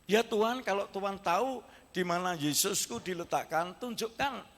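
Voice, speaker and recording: A pastor doing a grieving, pleading Mary Magdalene. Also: male voice, high voice, moderate pace, fairly bright tone. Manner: pleading, tearful. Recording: echoey church hall.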